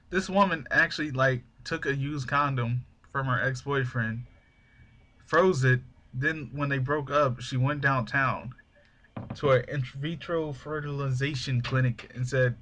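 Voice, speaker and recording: Young male podcast host, bright tone, mid pitch, storyteller who acts out quotes. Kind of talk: casual podcast chat.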